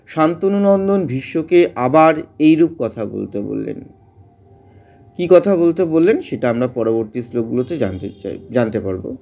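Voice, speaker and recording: A man leads a pronunciation lesson, stretching each syllable of the verse in slow chant and then stepping through the sounds one by one. His voice sits a little high, and his overall pace is very unhurried. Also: warm tone. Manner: drawn-out chanting of verses between brisk explanations. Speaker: Sanskrit recitation teacher.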